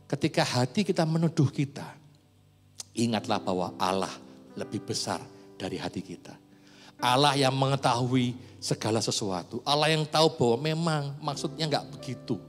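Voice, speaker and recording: A man preaching a sermon as a pastor, swinging between loud points and hushed asides. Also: mid-range voice, animated, moderate pace. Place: church hall. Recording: reverberant church hall with soft music.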